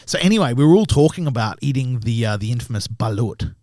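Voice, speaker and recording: A man's voice: medium pitch, lively intonation, fast, dark tone, no room sound, studio quality. A young man, a tattoo artist guest on a podcast, telling rambling anecdotes in casual chat and swearing freely. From Australia. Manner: swears often, acts out voices in his anecdotes.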